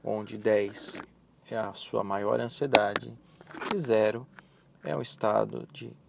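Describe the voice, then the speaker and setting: A soft-spoken man leads a guided relaxation hypnosis, giving slow, soothing, repetitive instructions with pauses. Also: fairly low pitch, fairly even intonation, gravelly, heavy background noise. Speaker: hypnotherapist guiding a relaxation session. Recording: voice over background music. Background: relaxation music.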